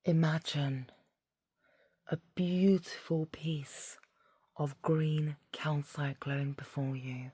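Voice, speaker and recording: Deep female meditation guide, soft half whisper, super slow, soothing, close dry sound. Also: fairly even intonation, husky. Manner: soothing, deliberate, phrase by phrase.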